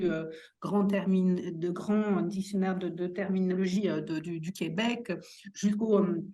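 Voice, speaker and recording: A woman's voice: mid-range voice, mellow. A woman moderating a webinar panel, courteous and hesitant, with many fillers as she asks her questions.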